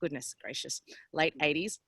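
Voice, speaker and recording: A woman's voice: low-pitched, normal speed, vocal fry, fairly bright tone, breathy edge, no echo. A woman in her forties from El Salvador, telling her personal story in a candid, chatty, self-deprecating way over a headset from a public venue. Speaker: guest speaker. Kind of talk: personal story on a video call.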